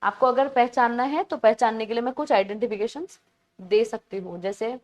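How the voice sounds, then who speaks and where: A woman's voice: on the high side, normal speed, a little mellow. A woman teaching grammar in an online exam-prep class, explaining patiently in Hindi mixed with terms, repeating key words and calling her students beta.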